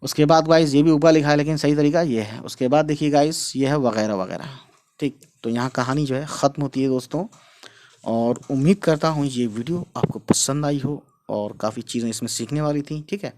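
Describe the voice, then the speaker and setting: A man's voice: medium pitch, a little fast, a little mellow. A man teaching an Urdu textbook lesson, patiently spelling out letters and checking in often. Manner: patient, repeats words and checks with "theek hai". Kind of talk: explaining a textbook lesson to camera.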